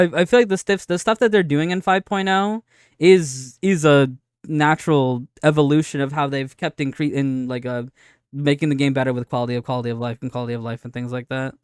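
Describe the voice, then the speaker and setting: A man streaming casual live commentary, arguing his points in an insistent, halting way with frequent repetition. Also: a little high, smooth, dry recording, clean studio sound. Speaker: streamer reacting to a video and answering chat. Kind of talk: casual live commentary, debating game updates.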